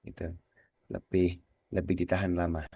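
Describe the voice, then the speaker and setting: Man, radio tajwid teacher, patient and repetitive, low voice, dull lo-fi dry broadcast sound. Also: monotone, husky, dry recording. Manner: slow, patient, repeats words to demonstrate. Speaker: Quran recitation teacher.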